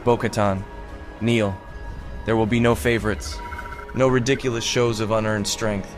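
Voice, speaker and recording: A man's voice: fairly low pitch, steady tone, normal speed, close to an everyday voice. Anakin, a man doing a stern young warrior-ruler. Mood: commanding. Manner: stern, formal decrees. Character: young male warrior claiming rule, commanding. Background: faint background music.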